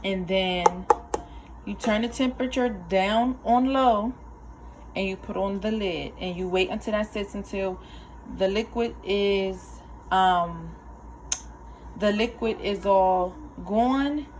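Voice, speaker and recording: A woman's voice: mid-range voice, slow, a little mellow, a little hiss or hum. A young adult woman chatting casually to viewers while cooking in her home kitchen, folksy and talkative. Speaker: cooking vlogger.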